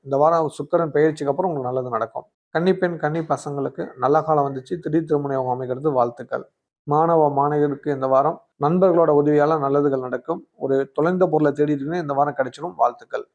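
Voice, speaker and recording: A man's voice: fairly high pitch, fast talker, a little mellow, dull audio. A man, an astrologer giving a weekly horoscope, chatty and coaxing, often scolding his viewers with rhetorical questions. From Tamil Nadu, India. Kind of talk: weekly horoscope talk to camera.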